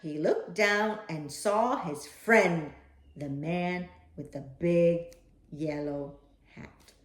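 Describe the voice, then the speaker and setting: A woman with a fairly low voice hosts a children's read-aloud, drawing out her words in an echoey room. She uses simple, direct phrases as if talking to young listeners, mixing expressive storybook reading with talk aimed at kids.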